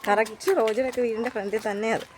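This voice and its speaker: A woman's voice: a little high, steady tone, fast talker. Chatty mother vlogging on a noisy walk. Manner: chatty, calling out to her children as she walks. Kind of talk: casual family vlog, walking and chatting. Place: outdoors on a rural road. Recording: outdoor background noise.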